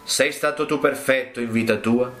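A male preacher quoting God as a solemn judge on a throne, speaking slowly and gravely. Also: medium pitch, fairly even intonation, a bit bright, faint music behind, lightly acted. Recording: roomy echo.

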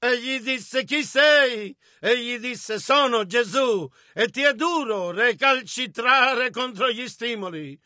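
Very high, bright man interpreting a sermon. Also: takes it slowly, few pauses, no echo. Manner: emphatic, bursts into shouting.

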